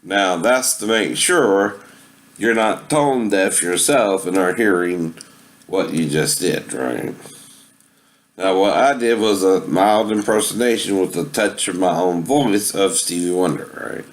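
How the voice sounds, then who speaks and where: Speaking at a measured pace in a low voice, a man demonstrates a tape deck for an amateur video. It's casual instructional talk with some sung impersonations, and many of his phrases end in "right?"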